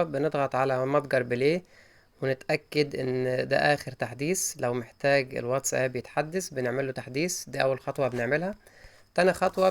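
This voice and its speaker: A man with an Egyptian Arabic accent talks through a phone how-to at a brisk clip. He guides the listener step by step in an instructional voice-over, with an ordinary mid-range pitch. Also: gravelly. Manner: quick instructional, guiding step by step. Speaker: tech tutorial host.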